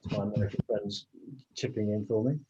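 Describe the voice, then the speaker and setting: A man from England hosts an online meeting, his fairly low-pitched voice steady and fairly quick. He casually greets everyone as they arrive, often restarting his sentences, over muffled video call audio with background noise.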